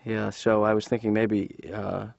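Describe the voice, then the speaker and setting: Rambling aimless son. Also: male voice, fairly low pitch, little pitch movement, normal speed, creaky, darkish tone, no echo. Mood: sheepish. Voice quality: hesitant, rambling. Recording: dull dry lo-fi studio track.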